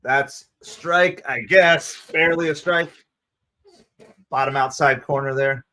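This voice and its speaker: A man from New Jersey with a Jersey accent, hosting a live fan stream with chatty play-by-play and shout-outs to viewers. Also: mid-range voice, takes it slowly. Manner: excitable, chatty, thanks viewers by name. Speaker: livestream host. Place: home streaming setup with green screen.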